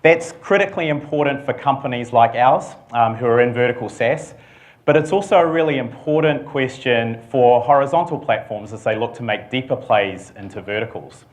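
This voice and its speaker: A middle-aged company CEO with a New Zealand accent gives a relaxed conference presentation, full of dry humor and frequent ums. His voice is mid-range and his pace is moderate.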